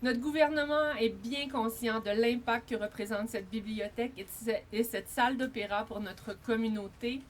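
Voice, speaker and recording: A woman's voice: fairly high pitch, moderate pace, hardly any pauses, slight background noise. Québécois woman politician reading a statement. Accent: Québécois French. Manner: reads steadily, switching between French and English. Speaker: outgoing local politician. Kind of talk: formal prepared statement.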